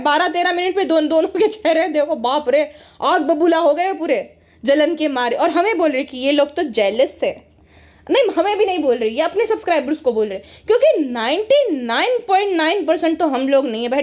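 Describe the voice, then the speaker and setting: A woman giving casual commentary in a sarcastic, mocking way. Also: sits high. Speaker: commentary YouTuber.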